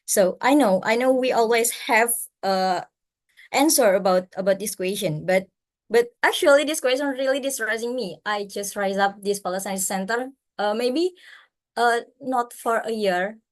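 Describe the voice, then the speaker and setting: A woman's voice: a little high, normal speed. A woman with an Indonesian accent asking a question in an online panel, earnest and prone to restarts. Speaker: audience questioner.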